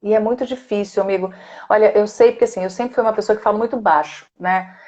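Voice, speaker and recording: A woman speech therapist talking in a warm, chatty way and laughing often, as a guest on a live video call. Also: mid-range voice, fairly even intonation, quick pace. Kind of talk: casual live chat. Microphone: computer or phone on a video call.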